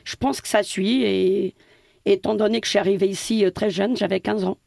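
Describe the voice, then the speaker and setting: A woman's voice: mid-range voice, steady tone, a little fast, creaky, a little mellow, no echo. A middle-aged woman from Portugal, a building caretaker answering interview questions hesitantly with many fillers and restarts.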